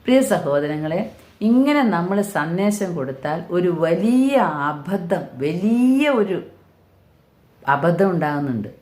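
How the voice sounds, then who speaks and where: A woman's voice: lowish voice, animated, slow, darkish tone. A woman giving an earnest sermon, repeating phrases for emphasis. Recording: echoey room.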